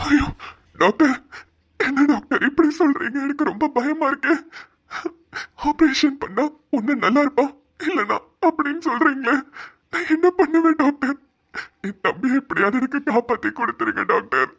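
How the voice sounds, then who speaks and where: A woman's voice: mid-range voice, moderate pace, pushed and bright, dry recording, lo-fi sound, lightly acted. A woman playing a desperate, pleading elder brother. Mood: pleading tearful. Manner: pleading, tearful. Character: devoted elder brother, young man, desperate and tearful. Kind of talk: cartoon voice acting.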